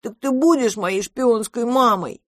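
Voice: medium pitch, measured pace, no room sound, studio quality, pitched above the performer's own voice, lightly acted. A reader voicing a huge, clingy monster child who talks in a tearful, pleading, childlike way in an audiobook. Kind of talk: audiobook character reading.

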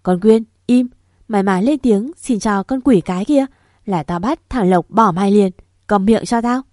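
A woman voicing a furious, domineering older mother-in-law who shouts harsh insults, in a storybook reading. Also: mid-range voice, moderate pace, no room sound, studio quality, natural voice.

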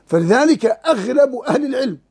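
A man's voice: extremely high pitch, lively intonation, a little fast, gravelly, darkish tone, slightly rough. A man teaching Islamic legal theory to students. He talks with feeling, often laughs, repeats words as he thinks, and puts questions to his class. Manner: asks students rhetorical questions. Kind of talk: classroom lecture explaining a text to students.

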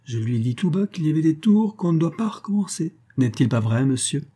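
A man's voice: on the high side, lively intonation, fairly quick, mellow, husky, pitched above the performer's own voice. A man voicing a stern, dignified older general who speaks in a formal, firm way.

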